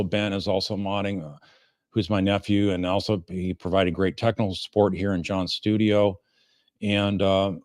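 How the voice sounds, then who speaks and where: A man with a fairly low voice gives informal legal commentary as a livestream host. His delivery is halting and rambling, and the sound is dry and close. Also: no echo. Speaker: host, defense lawyer commenting on a trial.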